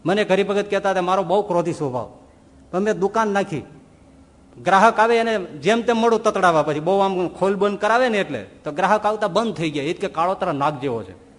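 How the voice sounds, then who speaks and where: A man's voice: high voice, brisk. A man giving a spoken sermon, telling stories and asking rhetorical questions, acting out the voices of the people in them. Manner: animated, rhetorical questions, acts out quoted voices. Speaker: swami giving a religious discourse. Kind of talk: sermon storytelling. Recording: long hall reverb.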